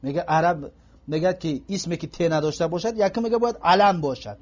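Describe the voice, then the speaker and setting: High-voiced man teaching. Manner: patient, repeats examples slowly. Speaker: Arabic grammar teacher. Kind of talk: classroom lecture. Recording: dull lo-fi recording.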